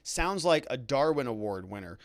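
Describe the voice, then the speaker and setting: A medium-pitched, very animated voice comes from a middle-aged American man, a legal commentator hosting a livestream at a normal speed. He reads viewer comments and riffs on them with wry, conversational asides, with no room sound.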